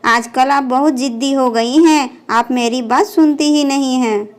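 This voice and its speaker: Young mother , woman's own voice: firm, chiding, caring, high-ish. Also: unhurried. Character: young mother, busy and mildly scolding.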